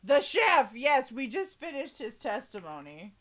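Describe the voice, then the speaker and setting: A woman's voice: sits high, very animated, a little slow, a bit bright. A woman streamer chatting casually and informally with her viewers during a livestream. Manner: chatty, informal, folksy "y'all". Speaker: VTuber streamer, voice coach.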